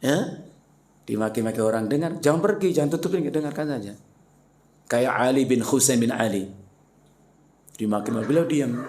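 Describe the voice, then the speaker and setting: A man preaching a mosque lecture, animated and rhetorical, turning often to his listeners with questions. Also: medium pitch, moderate pace, long pauses. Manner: animated, rhetorical questions, addresses the congregation directly.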